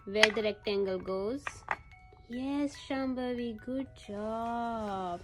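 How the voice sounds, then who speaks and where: A woman's voice: a little high, takes it slowly, music in the background. A woman talking to a toddler in simple, encouraging words as if reading to one, teaching shapes and colors as a mother at play.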